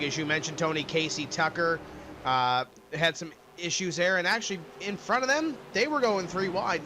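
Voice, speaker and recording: A man's voice: fairly high pitch, background noise. A man commentating a sim race in a casual, rambling way with many fillers. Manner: casual, with frequent uh fillers and restarts.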